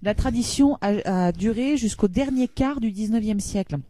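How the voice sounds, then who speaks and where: A woman's voice: fairly high pitch, moderate pace, dark tone, dry recording. A woman co-hosting a comic talk show, explaining a bit of history in a chatty way, often correcting herself. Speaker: co-host presenting a history segment. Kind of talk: chatty storytelling.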